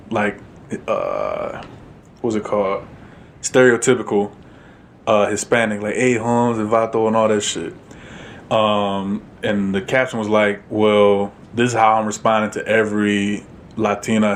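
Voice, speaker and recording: A man's voice: fairly low pitch, slight background noise. A man co-hosting a podcast in casual chat, blunt and emphatic, swearing freely. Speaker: podcast co-host.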